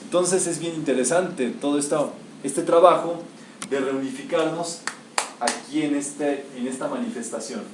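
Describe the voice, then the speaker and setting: A man's voice: a little high, measured pace. Emphatic lecturing man in an echoey room. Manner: emphatic, asks the audience rhetorical questions. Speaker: metaphysics teacher. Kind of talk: spiritual lecture to a live group. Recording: echoey room, mic far off, faint hiss.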